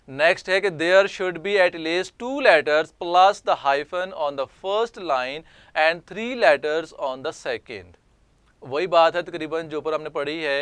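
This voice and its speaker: A man's voice: medium pitch, smooth, dry recording. Male teacher with a Pakistani accent. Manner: explains in Urdu and reads English text slowly and deliberately. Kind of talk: online lecture.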